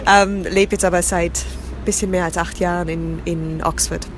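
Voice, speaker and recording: In a casual interview with slight background noise, a guest speaks at a moderate pace in a lowish, steady voice. The founder of a theatre company and from southern Germany, she tends to search for words, begin again and switch into English.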